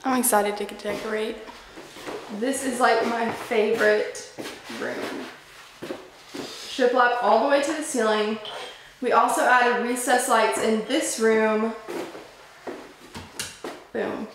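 A woman's voice: fairly high pitch, fairly even intonation, slow, pauses often. A woman in her twenties giving an upbeat, chatty tour of her house renovation on a handheld camera. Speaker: vlogger. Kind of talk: casual home-renovation vlog. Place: empty rooms in a house under renovation. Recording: echoey bare rooms, faint noise.

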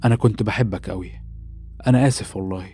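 A man's voice: fairly low pitch, quick pace, dark tone, faint music behind, natural voice. A man voicing a deformed young man locked in a cellar, speaking in an Egyptian accent with raised, tense delivery. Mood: grieving. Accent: Egyptian Arabic.

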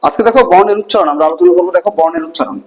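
Guy teaching a class, slightly high voice, keeps asking the kids questions, chatty. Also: racing, a little mellow, poor audio. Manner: asks the class repeated questions, colloquial. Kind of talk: classroom grammar lesson.

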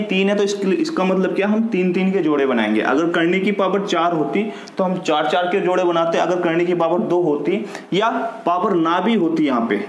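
A man with a Hindi accent teaching a maths lesson, explaining step by step and asking and answering his own questions. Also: high voice. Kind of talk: classroom lesson. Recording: echoey room with faint noise.

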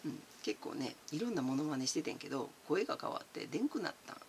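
A chatty man, answering viewer comments in a relaxed, giggly way. His voice sits fairly high and swings up and down a lot. There is a gravelly edge to it. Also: brisk, slight background noise. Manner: chatty and giggly, calls himself by nickname. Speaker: channel host.

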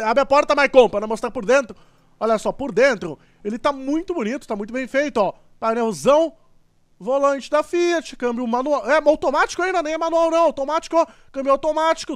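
A man giving excitable, exclamatory gameplay commentary as a gaming video host. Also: very high voice, dry recording, clean studio sound. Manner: excitable, exclamatory, repeats "top" and "ó". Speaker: gaming YouTuber.

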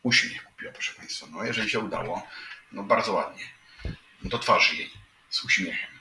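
Rambling low-voiced man in an echoey room. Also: a little fast, bright, forceful tone. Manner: meandering, repeats "proszę państwa", wry asides. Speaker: livestream host reading news headlines. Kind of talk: rambling live commentary on headlines. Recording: echoey room, mic at a distance, audible noise.

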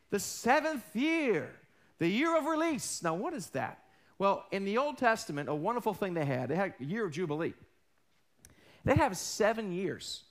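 A pastor in his forties, voice wearing thin, preaches a sermon on a large church stage with animated emphasis. He swings from booming to hushed and calls out questions to the congregation, his voice sitting high.

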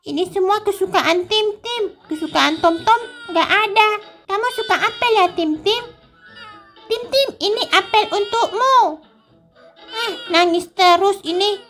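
Woman putting on a squeaky toddler boy, jealous, whiny, slow and bright. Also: soft background music. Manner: whiny, childish.

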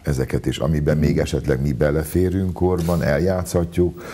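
A man's voice: extremely low pitch, flat delivery, mellow. A man, a theater director, chatting as a talk-show guest and telling anecdotes, laughing as he goes. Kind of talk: casual talk-show chat.

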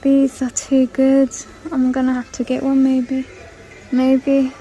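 A woman's voice: high-pitched, monotone, takes it slowly, dark tone, rough recording. A woman casually walking through a large store, chatting and listing prices as she films on her phone. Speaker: shopping vlogger. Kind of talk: casual shop-with-me walkthrough. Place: large indoor retail store. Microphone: handheld phone camera.

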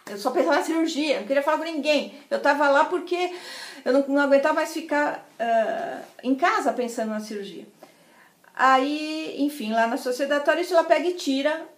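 Animated middle-aged São woman. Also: high-pitched. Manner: animated, chatty, acts out other people's lines. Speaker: vlogger sharing a personal experience. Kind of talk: casual personal storytelling. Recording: roomy, echoey room sound.

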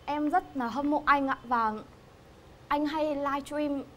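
A woman's voice: high voice, steady tone, a little slow, slight background noise. A young woman with a Northern Vietnamese accent, a game show contestant answering politely and deferentially. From Hung Yen, northern Vietnam. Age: young adult. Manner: polite, addressing host deferentially.

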